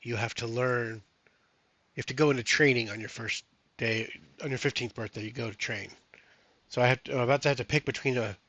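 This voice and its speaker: A man's voice: medium pitch, a bit bright, no room sound. A man streaming a solo tabletop game, reading rules and chatting casually to viewers, thinking aloud with many fillers. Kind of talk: casual live-stream chat.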